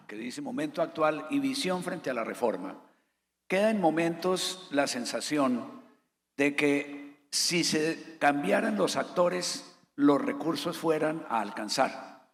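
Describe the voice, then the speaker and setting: Man, panel moderator, gravelly voice, long hall reverb. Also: on the high side. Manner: measured, structured, sets out options in order. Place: conference hall.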